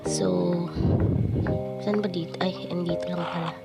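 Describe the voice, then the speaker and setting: A woman with a cold and a cough, speaking through a voice changer that pitches her voice down. She chats casually to viewers while narrating a morning routine. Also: fairly even intonation, unhurried, creaky. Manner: chatty, addresses viewers as guys. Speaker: vlogger. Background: loud background music.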